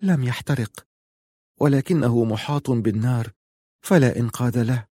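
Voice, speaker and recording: A man's voice: medium pitch, normal speed, warm tone, dry recording, clean studio sound, close to an everyday voice. A man voicing an earnest young woman in an audiobook, lifting his voice into a pleading tone. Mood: sad.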